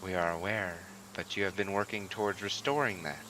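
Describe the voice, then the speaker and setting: A man's voice: low-pitched, fairly even intonation, brisk, noisy background, natural voice. A man doing a dreamy, distant ethereal wolf spirit. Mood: serene. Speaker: game master.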